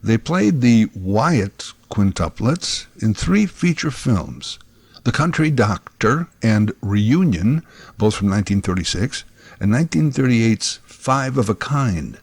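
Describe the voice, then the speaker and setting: A man's voice: lowish voice, big pitch swings, slow, slightly rough, no room sound. A man giving scripted documentary narration in a conversational way, recorded on a close microphone.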